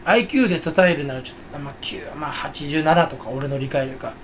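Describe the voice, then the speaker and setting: A man's voice: fairly high pitch, quick pace, a little hiss or hum. A man talking to himself in a casual, rambling solo monologue, joking and mocking himself. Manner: self-mocking, jokey, rambling. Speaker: channel host.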